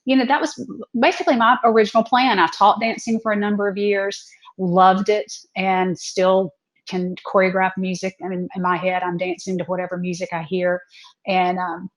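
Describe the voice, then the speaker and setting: Woman, forties, animated interview storyteller, mid-range voice. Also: medium pitch, moderate pace, poor audio. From South Georgia, USA. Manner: lively storyteller who acts out quoted lines. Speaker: TV cooking show host, guest.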